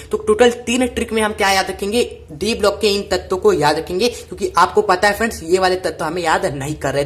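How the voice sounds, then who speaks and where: A woman teaching chemistry memory tricks in speech, repeating each cue and asking questions she then answers. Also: mid-range voice. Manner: repetitive, call-and-response drilling. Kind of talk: chemistry mnemonic lesson.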